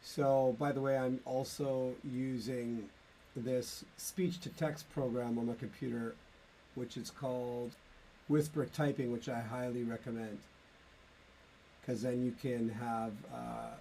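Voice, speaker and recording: A middle-aged man casually walking through a demo of his own software tool, explaining step by step with a few fillers. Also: medium pitch, flat delivery, slow, a little hiss or hum. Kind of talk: casual tech demo walkthrough.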